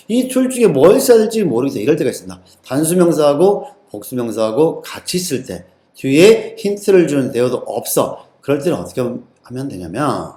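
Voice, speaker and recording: A TOEIC English teacher with a mellow, mid-range male voice gives a lecture-style exam-prep lesson in an echoey room. He constantly quizzes his students and repeats their answers back to them.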